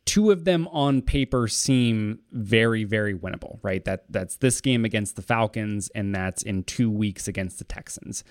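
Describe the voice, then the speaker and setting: A man's voice: fairly low pitch, normal speed, hardly any pauses, no room sound, studio quality. Wry, stammering male co-host. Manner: wry, deadpan jokes, stammering restarts. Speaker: podcast co-host. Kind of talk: casual sports podcast chat.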